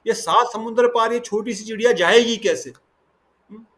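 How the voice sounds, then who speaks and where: Yamraj, the stern lord of death, lays out a fate with calm certainty, as a man voicing him tells the story in a class. The voice sits a touch high for a man and stays close to an ordinary speaking voice. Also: normal speed. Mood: explaining calmly.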